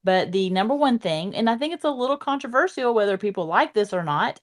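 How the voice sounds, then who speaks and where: A woman's voice: a little high, lively intonation, fairly quick. A woman with a thick Southern US accent chatting casually as a panelist. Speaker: panelist in a theme park draft game. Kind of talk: casual chat.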